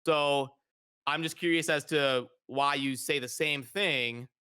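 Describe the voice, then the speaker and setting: A man's voice: fairly high pitch, steady tone, slow, bright, forceful tone, clean tone. A man hosting a casual conversational debate, often repeating words as he gets his point out. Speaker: streamer hosting a debate, content creator.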